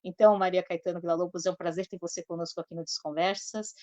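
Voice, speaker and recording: A woman's voice: on the low side, steady tone, fast talker, a little mellow, no echo. A woman hosting a live talk show, telling a story in a chatty way full of asides and tag questions. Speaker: host.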